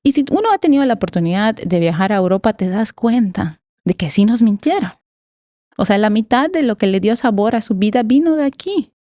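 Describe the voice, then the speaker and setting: Mujer mexicana de voz suave y cálida. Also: female voice, mid-range voice, expressive, fairly quick, warm tone, no echo, studio quality. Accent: Mexican Spanish. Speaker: academic guest. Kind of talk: conversational explanation in a podcast interview.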